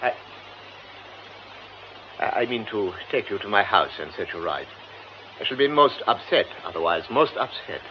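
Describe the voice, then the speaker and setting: An actor playing a formal, courteous gentleman who speaks haltingly, in a radio drama. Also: on the low side, big pitch swings. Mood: insistent. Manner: formal, halting, hesitant speech. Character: formal, insistent gentleman, courteous and guilt-ridden. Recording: dull lo-fi radio recording, faint hiss.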